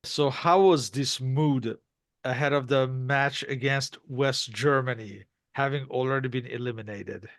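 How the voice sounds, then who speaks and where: Man, podcast co-host, slow deliberate delivery, dry close sound, reading stats. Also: mid-range voice, dry recording. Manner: reads lineups and stats in listing fashion. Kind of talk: podcast interview.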